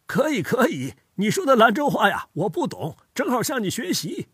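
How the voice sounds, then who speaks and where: An older man from Hubei explains dialects to a child as a grandfather in a scripted lesson. His voice is husky and sits high. He swings up and down in pitch with great animation. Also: normal speed, no room sound, studio quality. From Hubei, China. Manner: animated storytelling, chuckles often. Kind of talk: scripted educational dialogue.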